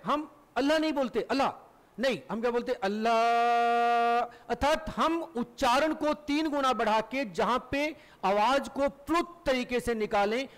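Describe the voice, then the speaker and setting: A middle-aged male Hindi teacher giving a classroom lecture, asking the class questions and answering them himself, and stretching vowels to demonstrate. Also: very high voice.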